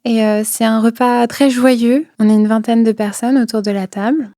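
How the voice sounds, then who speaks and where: A woman's voice: a little high, steady tone, normal speed, warm tone, no echo, studio quality. A young woman recounting a personal experience, hesitant, with many fillers and repeated words, sometimes dropping to a near whisper. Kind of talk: personal testimony.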